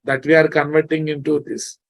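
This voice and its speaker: A man's voice: a little high, completely flat delivery, a little fast, gravelly. An Indian man with a Telugu accent teaches a programming class in an informal, live style. He repeats key phrases several times over and keeps checking in with his listeners as he explains. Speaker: programming instructor. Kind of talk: informal live technical lecture to students.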